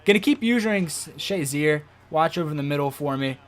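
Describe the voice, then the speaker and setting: Excitable man doing football game commentary. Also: a little high, fairly quick. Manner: excitable, loud outbursts over game plays. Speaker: gaming video host.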